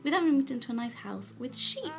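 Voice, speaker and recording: A woman's voice: sits high, lively intonation, fairly quick, vocal fry. A woman in her twenties from Yorkshire, narrating her own life story as a voice-over in a reflective, sentimental way. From Yorkshire, England. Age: 20s. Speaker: vlogger. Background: music backing.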